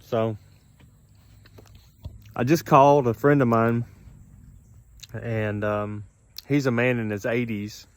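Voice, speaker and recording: A middle-aged man talking casually to a vlog in a drowsy, halting, unhurried way, with a dry mouth and some gum chewing. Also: medium pitch, fairly even intonation, dry recording. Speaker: vlogger. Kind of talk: casual solo vlog, rambling personal talk.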